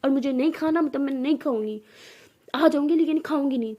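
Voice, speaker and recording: A woman's voice: high voice, a little fast, warm tone, muffled recording, lightly acted. A woman voicing a teenage schoolgirl who is stubborn and teases back cheekily. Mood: teasing. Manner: cheeky, playful back-talk.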